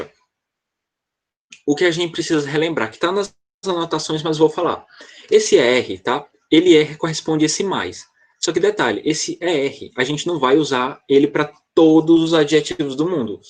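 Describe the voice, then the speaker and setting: A man with a somewhat high voice teaches an online class over a computer mic. He explains in a relaxed, chatty way and keeps checking in with his students. He is from Brazil. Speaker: English teacher.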